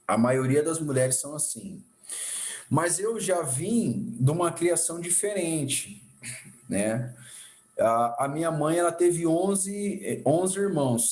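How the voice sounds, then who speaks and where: A man's voice: fairly high pitch, a little mellow, roomy sound. A man teaching a church family discipleship class, sharing personal testimony in a conversational, reflective way with frequent tag questions.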